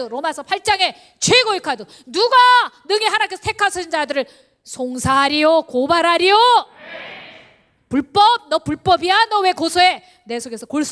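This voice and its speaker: Very high-voiced woman pastor preaching. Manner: animated, acts out believers' inner voices; exhorting, rhetorical questions. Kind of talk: sermon.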